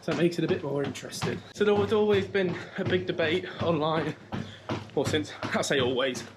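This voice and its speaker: A man chatting casually to his vlog viewers while running on a treadmill at home. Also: on the high side. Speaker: vlogger. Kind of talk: casual chat to camera. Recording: clear background noise of treadmill, clicks.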